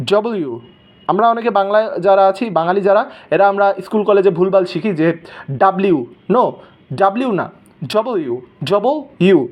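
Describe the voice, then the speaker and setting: A man giving a casual spoken lesson on English letters, drawing out each sound slowly as he demonstrates it. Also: high-pitched, darkish tone. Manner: slow, drawn-out demonstration of sounds. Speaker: English teacher.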